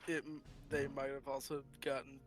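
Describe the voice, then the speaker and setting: A man's voice: mid-range voice, completely flat delivery, normal speed, faint music behind. A man talking as a player in a tabletop role-playing game, hesitant with many fillers.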